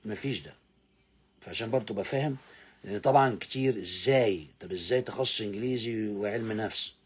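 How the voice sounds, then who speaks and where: A man with an Egyptian Arabic accent teaching English, repeating words slowly for pronunciation drills and swinging between loud emphasis and low asides. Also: slightly rough. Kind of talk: English lesson explained in Arabic.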